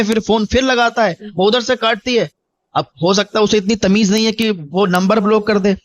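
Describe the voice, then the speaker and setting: Over dull audio, a high-sitting male voice preaches: an Islamic preacher relates a moral tale in earnest, voicing the characters' dialogue and urging his audience on.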